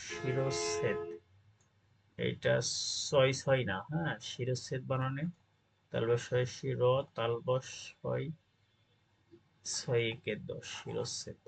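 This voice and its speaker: A man's voice: medium pitch, little pitch movement, takes it slowly, creaky, long pauses, slightly rough, soft background music, low-quality recording. A man teaching an exam-prep grammar lesson, reading out word lists and often checking in with his listeners. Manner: reads word lists, checks in with "ঠিক আছে?".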